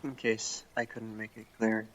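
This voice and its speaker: A man's voice: on the low side, completely flat delivery, a little slow, lightly acted. A man playing a polite, businesslike official in online role-play, speaking formally. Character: businesslike man handing out paperwork and side jobs. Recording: dull lo-fi sound, faint music.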